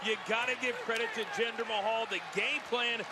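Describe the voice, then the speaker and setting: A man's voice: very high-pitched, fairly even intonation, brisk. A man giving wrestling colour commentary in an emphatic, conversational, opinionated way. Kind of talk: wrestling commentary, analysis and reactions. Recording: live arena broadcast, loud crowd and noise. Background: roaring crowd.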